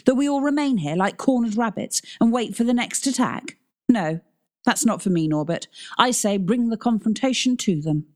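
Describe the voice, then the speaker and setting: A woman's voice: fairly high pitch, expressive, normal speed, a little mellow, voice pushed up, natural voice. A woman reading a storybook, voicing a restless, defiant male caretaker who speaks with agitation. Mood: agitated. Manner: restless, impatient. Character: agitated man, defiant caretaker, deep-toned.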